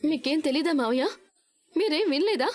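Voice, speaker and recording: An actress playing a wronged, defiant young daughter-in-law in a TV serial, speaking with indignation. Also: female voice, sits high, animated, fairly quick, darkish tone, faint music behind. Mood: indignant. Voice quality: indignant, pleading. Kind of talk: TV serial acting.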